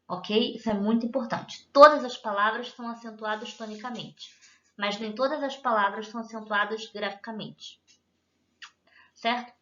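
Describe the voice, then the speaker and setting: A woman's voice: a little high, sharp tone. A woman with a Brazilian Portuguese accent teaching a grammar lesson, patient and often checking that listeners follow. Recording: echoey room, dull lo-fi sound.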